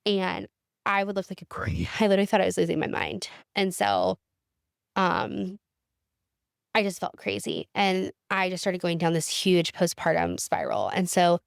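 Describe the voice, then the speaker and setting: Young woman, low voice, gravelly edge, dry close sound, emotional storytelling, lots of fillers. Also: normal speed, no room sound. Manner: emotional, filler-heavy, frequent restarts. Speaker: podcast guest sharing testimony. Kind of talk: casual personal storytelling.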